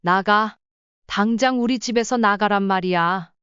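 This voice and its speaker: A woman voicing a confused elderly wife in a read-aloud story, shouting accusations. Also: mid-range voice, unhurried, smooth, no echo, close to an everyday voice. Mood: accusing. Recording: slightly dull lo-fi sound.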